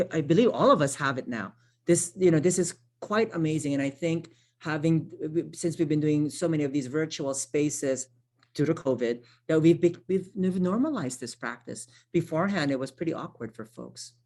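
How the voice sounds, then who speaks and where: A Tagalog-speaking social worker from the Philippines leads an online training in a relaxed, conversational way, peppered with "right?" and self-corrections. She has a deep, slightly mellow voice.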